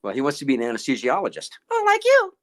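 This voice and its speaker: A ventriloquist voicing a rude, cheeky young male chimpanzee puppet in a squeaky, shrill voice that fires off wisecracks and short retorts. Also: wildly swooping pitch, quick pace, a bit bright, no echo, studio quality.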